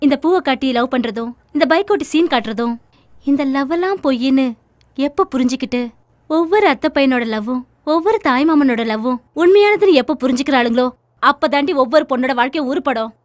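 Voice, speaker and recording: A woman's voice: sits high, animated, fast talker, no echo, studio quality. An actress playing a spirited young college woman who speaks forthrightly and lectures her friend, in film dialogue. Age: young adult. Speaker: college student.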